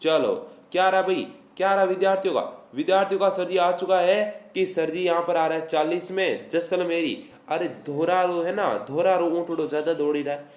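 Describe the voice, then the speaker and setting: A man's voice: sits high, steady tone, normal speed, few pauses, echoey room. A man with a Rajasthani accent teaching a live online exam-prep class. He repeats his lines and plays out the students' answers himself.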